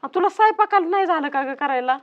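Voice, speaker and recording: A woman's voice: very high-pitched, animated, quick pace, muffled recording. A woman playing a weary, pleading village mother-in-law. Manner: pleading, tired, soft-spoken. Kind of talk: village family drama acting.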